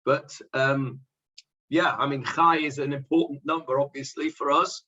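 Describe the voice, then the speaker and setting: A man teaching a Talmud class as rabbi, halting with many fillers and dry humorous asides. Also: on the high side, steady tone, sharp tone, breathy edge, highs cut off. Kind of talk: Talmud lesson.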